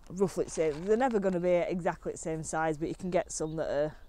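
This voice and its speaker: A young woman chatting casually to camera while fishing outdoors on a lakeside bank, excitable and relaxed. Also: deep voice, quick pace. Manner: chatty and excitable, talking to camera between catches. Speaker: angling vlogger.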